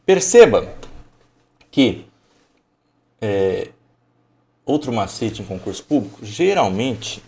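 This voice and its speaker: A man's voice: fairly low pitch, a little mellow, slight background noise. A man teaching an online lesson, emphatic and colloquial, thinking aloud as he explains.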